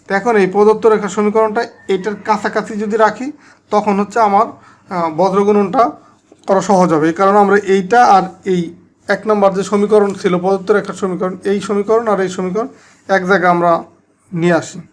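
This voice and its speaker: A man's voice: sits high, flat delivery, fairly quick. A man teaching a math lesson step by step, speaking directly to his students in Bangladeshi Bengali.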